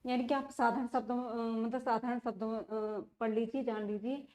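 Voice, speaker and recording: A woman's voice: fairly high pitch, steady tone, brisk, a little mellow. A woman teaching a grammar lesson, repeating key terms and asking rhetorical questions as she explains. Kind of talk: classroom-style lesson.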